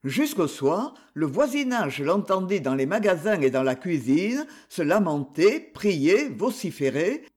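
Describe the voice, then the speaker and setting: Brief: male audiobook narrator, high voice, slow and very expressive, literary storytelling. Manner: measured, expressive reading. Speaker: audiobook reader.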